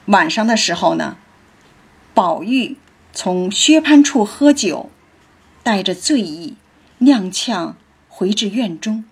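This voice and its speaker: A woman telling a story with reflective commentary, in a slow, thoughtful manner. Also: mid-range voice, husky.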